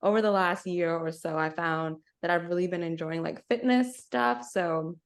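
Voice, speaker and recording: A woman's voice: lowish voice, normal speed, clean tone. A young woman from the Bahamas, co-hosting a podcast in casual, reflective chat over a call. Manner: reflective, self-introducing, often says "kinda" and "right?". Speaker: podcast co-host. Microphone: video call.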